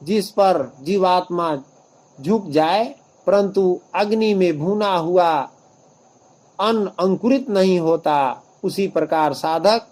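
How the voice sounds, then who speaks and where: Slow, high-voiced man explaining scripture. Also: darkish tone, poor audio. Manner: slow, measured explanation, drawn-out chanting of couplets. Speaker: religious scripture expounder. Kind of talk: devotional commentary with chanted verses.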